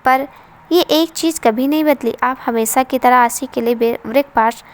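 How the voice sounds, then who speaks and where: A woman's voice: high-pitched, normal speed, natural voice. A woman voicing a loyal housemaid speaking respectfully and fondly to her employer.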